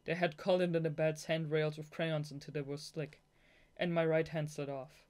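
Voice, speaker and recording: A young adult native German speaker reads a novel aloud as an amateur audiobook narrator, now and then breaking into giggly, gushing fangirl asides between passages. The voice is medium-pitched, level, darkish in tone and at a normal speed.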